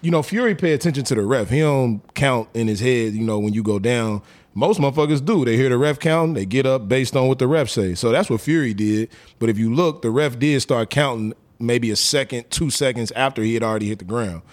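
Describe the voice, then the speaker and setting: A man's voice: medium pitch, a little fast. Man, podcast co-host, casual chat, profane, loose delivery. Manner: loose, profane, talks it through with fillers.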